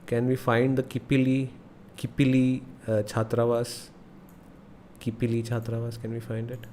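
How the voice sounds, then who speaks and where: A man's voice: medium pitch, completely flat delivery, normal speed, dark tone. A young man with an Indian accent giving casual live game commentary, thinking aloud with frequent exclamations. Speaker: live streamer playing a geography guessing game. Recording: noticeable background noise.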